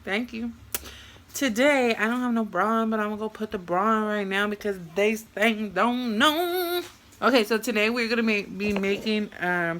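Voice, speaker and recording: A cooking vlogger with a medium-pitched, fairly bright voice jokes bawdily while cooking over a sizzling pan in her home kitchen. It's casual cooking chat, with the frying noise audible behind her.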